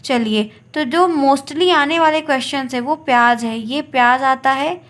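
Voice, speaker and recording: A woman's voice: sits high, measured pace, fairly bright tone. A woman teacher giving an online exam-prep lesson, patiently repeating key words and asking quiz-like questions.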